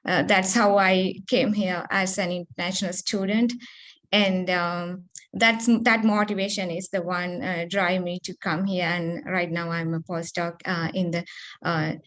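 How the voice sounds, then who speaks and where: A woman's voice: lowish voice, flat delivery, a little slow, a bit bright. A woman in her thirties from Sri Lanka, a postdoctoral researcher answering seminar questions on a video call, hesitant with many fillers and restarts. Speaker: guest speaker, postdoctoral researcher.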